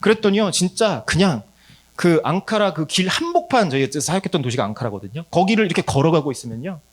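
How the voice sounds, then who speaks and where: A man's voice: a little high, big pitch swings, fast talker. A man giving a conference sermon as a missionary speaker, telling stories with laughter and acted-out quotes.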